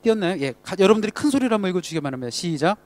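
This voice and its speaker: High-voiced man preaching to a youth group. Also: big pitch swings, racing, a little hiss or hum. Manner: conversational, asks the congregation questions. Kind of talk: sermon.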